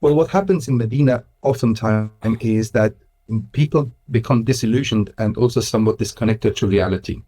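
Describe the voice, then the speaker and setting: A man's voice: medium pitch, a little fast, dark tone. Thoughtful Swiss-raised man in conversation. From Switzerland. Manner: thoughtful, with frequent restarts and laughs. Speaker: guest, Islamic school director. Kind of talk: casual conversational interview.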